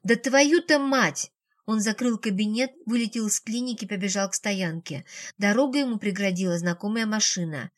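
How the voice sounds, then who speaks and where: A woman narrating an audiobook in a brisk, plain reading voice. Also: medium pitch.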